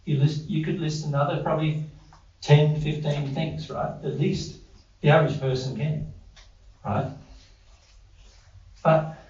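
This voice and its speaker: A man's voice: a little high, flat delivery, a little slow, long pauses, a little mellow. A man giving an informal spiritual teaching talk to a small group, conversational and repeating their answers back. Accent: Australian. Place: living room with a small audience. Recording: dull, echoey room from far off.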